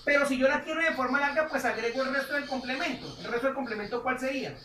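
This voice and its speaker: A woman with a somewhat high voice teaches a grammar lesson, speaking slowly and repeating each phrase while she writes. She sounds distant from the mic in an echoey room with a faint hum behind her. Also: a bit bright. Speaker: English teacher.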